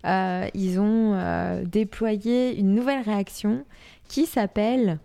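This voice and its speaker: Female podcast co-host, medium pitch, casual and chatty news talk. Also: steady tone, slow, creaky, dark tone. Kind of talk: casual chat about marketing news.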